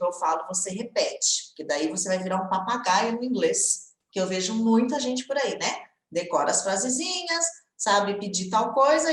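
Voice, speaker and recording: Chatty Brazilian woman teaching, bright echoey voice. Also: fairly high pitch. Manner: chatty, encouraging, checks in often with "tá?" and "tudo bem?". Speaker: English teacher. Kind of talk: live online lesson.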